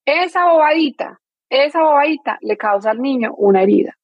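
A woman's voice: on the high side, quick pace, darkish tone, no echo, lo-fi sound. A woman, a guest explaining emotional wounds through everyday examples, often restarting her sentences. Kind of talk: explanatory interview talk.

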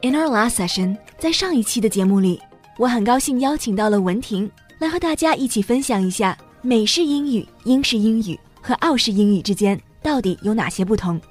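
A woman's voice: fairly high pitch, lively intonation, soft background music. Woman hosting a bilingual English lesson. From England. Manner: explains in Chinese, demonstrating English phrases slowly. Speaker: host and English teacher. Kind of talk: bilingual language-lesson podcast.

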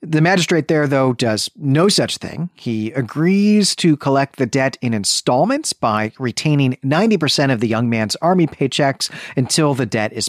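A podcast host with a medium-pitched voice recounts and discusses a story conversationally, giving an animated recap with literary discussion. The studio-quality recording has no echo.

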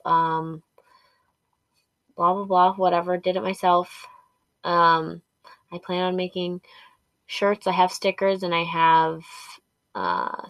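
Woman, podcast host, recorded inside a closet, very dry sound, unhurried delivery, rambling asides. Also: medium pitch, a bit bright, no echo, highs cut off. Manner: rambling, chatty, full of "um" and "anyway" asides. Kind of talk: casual solo podcast chat. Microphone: home sound system and laptop.

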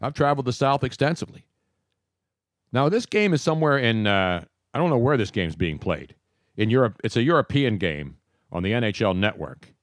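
A man's voice: medium pitch, lively intonation, brisk, no echo, clean studio sound. Brash wisecracking male radio host. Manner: brash, wisecracking, digresses freely. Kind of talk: casual sports talk radio banter. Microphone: studio microphone.

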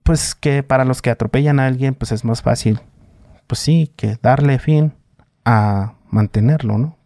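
A man's voice: mid-range voice, a little slow, dark tone, no echo, clean studio sound. A young man with a Mexican accent recounting a personal story in a casual chat, full of fillers. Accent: Mexican Spanish. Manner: many fillers, vivid retelling. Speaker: guest.

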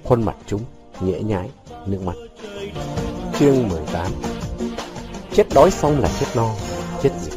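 A man's voice: on the low side, moderate pace, long pauses, music in the background. A man narrating a long story aloud, reading expressively. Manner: expressive, shifting with the scene. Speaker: audiobook narrator.

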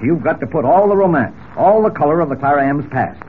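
An actor playing a brusque, bossy older newspaper editor in 1940s radio drama. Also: male voice, fairly high pitch, expressive, fast talker, natural voice. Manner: blustering, brusque. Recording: tinny old radio recording, faint noise.

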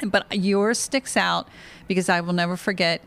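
A woman's voice: fairly low pitch, fairly even intonation, normal speed, gravelly, a bit bright. A woman speaking as an interview guest in a conversational style. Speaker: interview guest, adoption network director.

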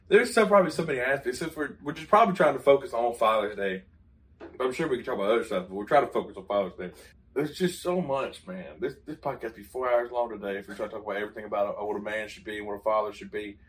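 A man with a drawl talks casually on a podcast, joking and often laughing as he acts out family dialogue. His voice sits at an ordinary pitch. He is heard from a little way off the mic. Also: fast talker, distant mic. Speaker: podcast host.

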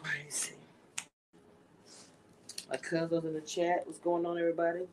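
A woman's voice: on the low side, flat delivery, darkish tone, a little hiss or hum, rough recording. A woman in her forties chatting casually with viewers on a livestream, drawing out her words. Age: 40s. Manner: chatty, drawn-out, talks to viewers. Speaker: livestream host.

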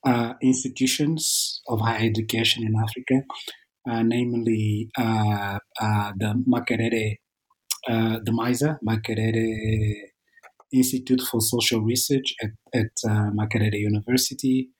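A middle-aged man with an Angolan accent answers interview questions as an academic guest, haltingly, often repeating words. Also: fairly low pitch, little pitch movement, slightly rough. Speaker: academic author, podcast guest.

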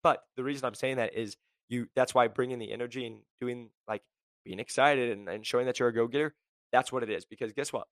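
A young man hosting a career podcast, blunt and high-energy, packed with "like" and "right?". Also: steady tone, fast, no room sound. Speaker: podcast host. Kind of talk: motivational career podcast talk.

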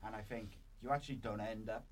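A man's voice: fairly low pitch, steady tone, fast talker. A man with a Welsh accent hosting a podcast in a casual, rambling, informal way. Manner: informal, rambling, frequent filler 'like'. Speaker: podcast host. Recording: clear background noise.

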